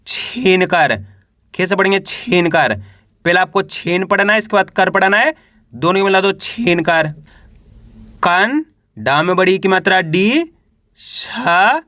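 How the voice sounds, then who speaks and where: A man teaching a reading lesson, slowly spelling out words syllable by syllable and then blending them, with frequent drill questions to the viewer. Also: sits high, sharp tone, no room sound, clean studio sound. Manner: slow syllable-by-syllable spelling with drawn-out vowels; repeats "how will we read it?" drills.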